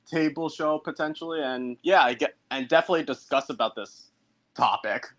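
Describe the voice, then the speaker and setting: Hesitant male caller, slightly high voice. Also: brisk, fairly bright tone. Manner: hesitant, searching for words. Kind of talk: casual call-in chat.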